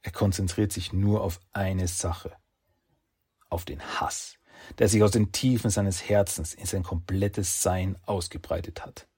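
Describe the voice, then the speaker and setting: A man narrating a dramatic scripted story with a smooth, measured, read-out delivery. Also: low voice, flat delivery, mellow.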